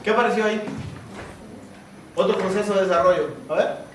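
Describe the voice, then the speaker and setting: A man, giving a lively talk to students, often asking the room questions and acting out small scenes. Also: sits high, brisk, recorded from a distance, a little hiss or hum. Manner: asks the audience constant questions; acts out both sides of little scenes. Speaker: speaker at a university talk. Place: large hall with audience. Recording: echoey lecture hall, voice heard from afar.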